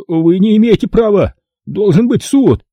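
A man doing a blustering crook who threatens one moment and pleads the next, his voice pitched up and strained. The tone is dark and husky, read close and dry in an audiobook. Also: big pitch swings, moderate pace, no room sound, heavily acted. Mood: panicked. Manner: shrill, blustering, frightened. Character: panicky indignant middle-aged male photographer.

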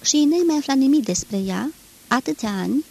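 A woman reading the part of a troubled man who speaks in a strained, choked, hushed way in an audiobook. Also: very high voice, lively intonation, gravelly, pitched above the performer's own voice, exaggerated voice. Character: troubled man haunted by a lost love.

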